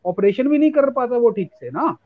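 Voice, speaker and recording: A man's voice: extremely high pitch, big pitch swings, moderate pace, no room sound. A man in an online panel discussion, earnestly arguing his point with everyday examples. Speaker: panel guest. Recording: lo-fi online call audio.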